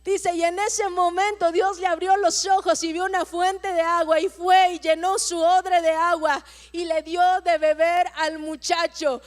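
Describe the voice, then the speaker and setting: High-voiced woman preaching slowly. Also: little pitch movement. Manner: impassioned preaching, slow and emphatic, acting out cries for help. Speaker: pastor. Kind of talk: sermon.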